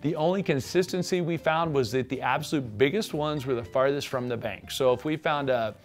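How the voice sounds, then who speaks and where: A middle-aged man sits in a studio and looks back on a day of fishing, relaxed and plainspoken as he explains what worked. Faint music plays under his voice. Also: medium pitch, a little fast. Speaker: fishing show host. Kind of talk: studio recap narration. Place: indoor studio with tackle wall.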